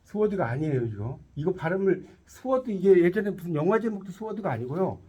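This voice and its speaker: A man's voice: sits high, very animated, quick pace, warm tone, slightly rough, dull audio. A man teaching a tarot lecture to a class, quizzing his students and cracking jokes as he explains. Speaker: tarot instructor.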